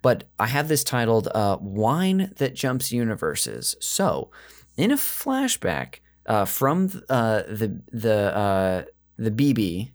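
A man's voice: on the low side, big pitch swings, slow. A man co-hosting a casual podcast, rambling with many fillers and restarts. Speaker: podcast co-host.

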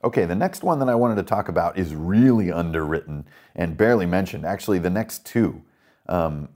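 A man with a low voice hosts a roleplaying game podcast. He rambles with enthusiasm about his setting, leaning on fillers and asides. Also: a little mellow. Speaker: podcast host and dungeon master. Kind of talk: casual worldbuilding talk.

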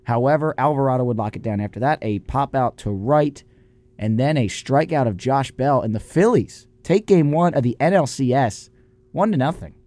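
A young man co-hosting a college sports radio show, giving casual game recaps with dramatic, drawn-out emphasis. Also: medium pitch, a little mellow, no room sound.

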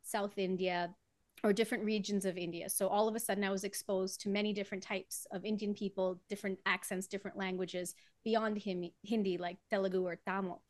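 A woman's voice: mid-range voice, little pitch movement, a little fast, dry recording. Woman guest singer from Trinidad, chatty with frequent laughs; dry close sound. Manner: chatty, laughs often while explaining. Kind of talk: casual interview conversation.

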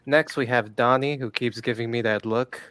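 A man's voice: mid-range voice, fairly even intonation, moderate pace, over a noisy crowd. A young man hosting a casual talk show in a teasing, sardonic way. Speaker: podcast host.

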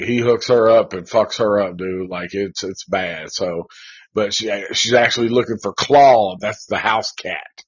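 A man's voice: medium pitch, slightly rough. A man hosting a live show, reviewing a movie in a rambling, profane, laid-back way with lots of slang. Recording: dull lo-fi recording.

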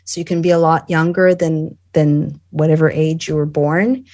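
A woman's voice: deep voice, steady tone, normal speed, darkish tone. A woman talking enthusiastically and chattily as a guest in a casual panel discussion, often restarting her phrases.

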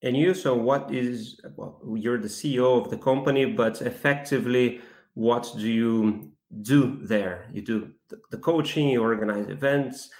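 A man's voice: medium pitch, moderate pace, a little mellow, echoey room. A man hosting a podcast, reading an intro and then asking questions with some hesitation. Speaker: podcast host.

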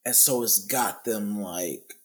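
A man's voice: fairly low pitch, slow. A young man from Georgia, co-hosting a podcast in casual, profane, joking banter. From Georgia, US South. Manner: animated, profane, joking boasts. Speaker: podcast co-host.

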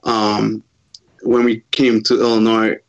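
Guest, male, thirties, from Chicago; hesitant, pausing speech; fry in the voice, muffled sound. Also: on the low side, level tone. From Chicago, USA. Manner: halting, hesitant, many pauses. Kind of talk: casual interview answers. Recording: dull lo-fi sound.

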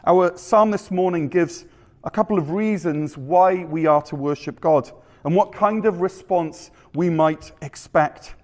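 A pastor preaches in a chatty, storytelling way. His voice sits fairly high for a man, and he leans on rhetorical questions to pull the congregation in. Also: unhurried, darkish tone. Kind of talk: sermon.

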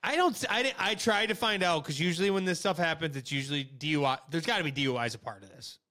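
A young man co-hosting a casual podcast, animated, blunt and joking as he runs through local news. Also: fairly high pitch, fast. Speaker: podcast co-host.

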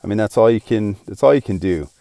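A man's voice: lowish voice, expressive, fast, warm tone, no room sound, studio quality. A man in his forties hosting his own podcast, talking alone in an earnest, rambling way with many restarts. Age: 40s. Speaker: podcast host. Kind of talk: casual solo podcast monologue.

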